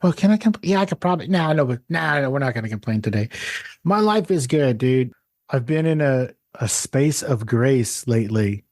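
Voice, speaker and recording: A man's voice: medium pitch, lively intonation, normal speed, darkish tone. A middle-aged man from Texas hosting a podcast, chatty and self-interrupting, calling his guest "man" and "dude". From San Antonio, Texas. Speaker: podcast host. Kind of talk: casual podcast interview and intro.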